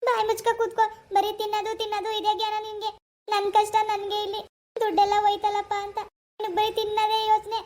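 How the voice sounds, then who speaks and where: A woman voicing a self-pitying, sharp-tongued village wife in a cartoon, lamenting and scolding. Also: very high voice, completely flat delivery, fast. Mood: snapping. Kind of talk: Kannada cartoon voice acting.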